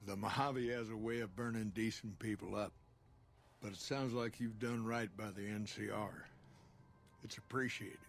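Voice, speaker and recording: An actor playing a weathered older ranger chief in a video game, calm and plain-spoken, speaking in a measured, folksy way with a gravelly voice. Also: male voice, lowish voice, faint music behind. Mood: calm, respectful. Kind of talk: video game character dialogue.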